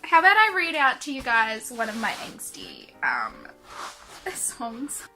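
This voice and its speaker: A woman's voice: fairly high pitch, huge pitch swings, unhurried, over music. A young woman reading her old diaries aloud in a casual, self-mocking and embarrassed way. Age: young adult. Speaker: vlogger.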